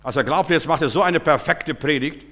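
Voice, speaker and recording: Animated preacher man, echoing hall. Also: fairly quick. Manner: animated preaching that swings between loud exclamations and low asides. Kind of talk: sermon. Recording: long hall reverb.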